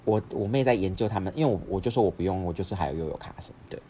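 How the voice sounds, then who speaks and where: Fast-talking man telling a story. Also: low-pitched, mellow, slight background noise. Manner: rapid, rambling, with frequent restarts. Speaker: podcast host. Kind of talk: casual storytelling.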